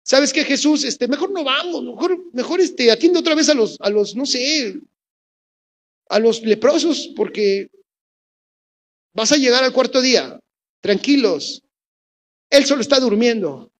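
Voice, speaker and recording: A woman's voice: sits high, animated, measured pace, pauses often, pitched above the performer's own voice. A woman preacher with a Mexican accent voicing a male disciple who bickers and pleads with a friend. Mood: exasperated. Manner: bantering, pleading.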